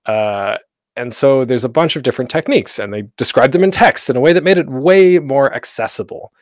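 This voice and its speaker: A man hosts an online convention panel, explaining things step by step. His voice sits in an ordinary middle pitch and sounds dry and close through a gated microphone. He leans on um fillers and at times chops his words into a careful staccato. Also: no echo. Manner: explains with frequent um fillers, sometimes deliberately staccato. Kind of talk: online presentation talk. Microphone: desk microphone with a noise gate.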